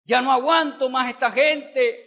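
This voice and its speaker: A man's voice: extremely high pitch, fairly even intonation, measured pace, sharp tone. A man preaching a sermon as pastor, passionate and asking the congregation rhetorical questions.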